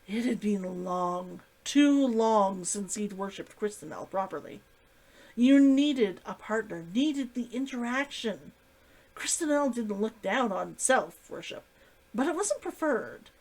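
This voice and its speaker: Woman reading a story out loud, super expressive, dramatic narrator thing, pitch goes up and down a lot. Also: slow, rough recording. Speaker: streamer reading a novel aloud.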